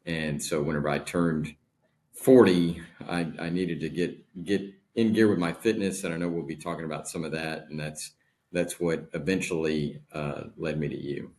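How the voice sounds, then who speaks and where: A man in his forties speaking as a guest in a casual interview, in a measured, deliberate way. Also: very deep voice, fairly even intonation, darkish tone. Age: 40s. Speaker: podcast guest.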